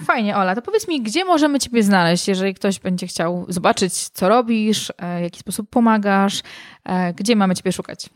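A woman hosting a podcast in a casual, conversational way, often pausing to search for her words. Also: medium pitch, animated, no echo, clean studio sound. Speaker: podcast host.

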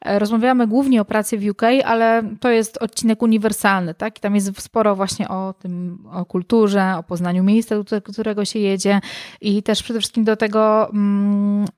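A woman's voice: medium pitch, level tone, moderate pace, darkish tone, no echo. Casual female podcast host, dry close sound.

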